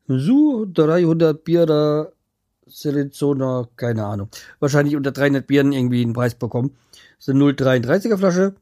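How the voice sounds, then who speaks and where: Speaking from home in a clean, echo-free studio recording, this man from the Hanau area talks in a high, dark-toned voice. He's a vlogger chatting casually to camera, wandering off mid-thought and starting over with plenty of fillers.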